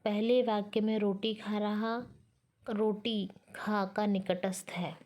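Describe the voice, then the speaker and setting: A woman teacher with a Hindi accent dictates grammar examples at a very unhurried pace, pausing over each word. Her voice sits at an ordinary middle pitch, and she explains each sentence in a careful, step-by-step way. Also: little pitch movement, a little mellow. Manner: slow, careful dictation of each sentence, mixing in English words. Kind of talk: reading out and explaining a grammar lesson.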